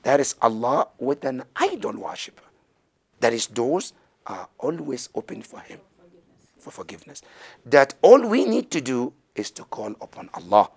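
Man, middle-aged, religious teacher, storytelling lesson, very lively pitch, small studio, lapel mic. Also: moderate pace, creaky, slightly rough. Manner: animated storyteller, gesturing, acting out quoted voices. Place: studio set with banners, indoors.

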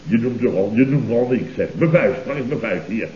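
In an old Dutch radio comedy, a male actor with a Netherlands accent plays a panicky, self-important boss who blusters, stammers, and emphatically repeats words. His medium-pitched voice is animated, brisk, and dark, yet close to everyday speech. The recording sounds dull, noisy, and roomy.

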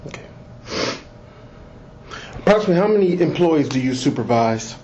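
A police lieutenant with a fairly high, animated, warm voice reads a formal interview script, slowly and deliberately reciting the set admonitions. The audio is muffled and lo-fi with faint hiss, like an interrogation tape made on an interview recorder.

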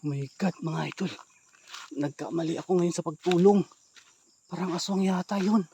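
A man vlogging outdoors on a mountain at night, out of breath, excitable, swinging between hushed narration and alarmed shouts. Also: high voice, normal speed, vocal fry, a little hiss or hum. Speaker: ghost-hunting vlogger. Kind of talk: casual vlog narration.

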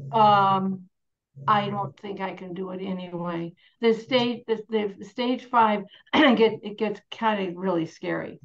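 Woman team leader, candid and chatty, mid-range voice, acts out inner self-talk, dull lo-fi recording. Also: mid-range voice. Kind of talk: motivational team meeting talk. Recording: dull lo-fi sound.

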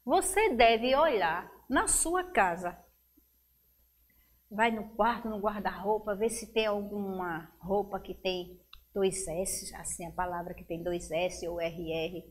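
Slow, clear-speaking woman teacher. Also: medium pitch. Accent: Brazilian Portuguese. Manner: slow, clear, drawn-out syllables when sounding out words. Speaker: primary school teacher. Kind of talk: televised classroom lesson.

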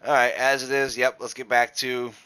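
A man's voice: medium pitch, flat delivery, normal speed, sharp tone, slight background noise. Rambling, casual male gaming host. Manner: rambling, casual, mildly profane. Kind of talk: gameplay commentary.

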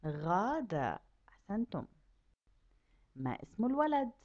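A woman teaching a kindergarten class, asking the children questions and drawing out each word slowly so they can repeat it. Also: medium pitch, big pitch swings, highs cut off. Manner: asks children questions and stretches out words slowly to model them. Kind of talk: lesson for young children.

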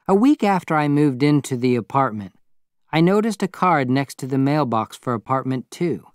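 A man reading a novel aloud as narrator in a measured, plain storytelling manner. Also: mid-range voice, animated, dry recording, studio quality. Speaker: audiobook narrator. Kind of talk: scripted narration.

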